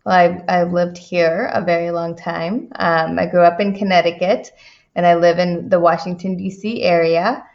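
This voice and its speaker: A woman's voice: lowish voice, little pitch movement, normal speed, creaky. Chatty attorney woman on a live stream. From India. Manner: chatty, many fillers and restarts, greets viewers by name. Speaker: immigration attorney hosting a live Q&A. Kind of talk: live-stream Q&A, reading viewer comments. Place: home office in the Washington DC area. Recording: dull lo-fi stream audio.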